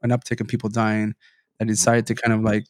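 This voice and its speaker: A man's voice: fairly low pitch, completely flat delivery, fast. A young man hosting a podcast, reading news stories aloud with many fillers and restarts, his sinuses stuffy. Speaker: podcast host.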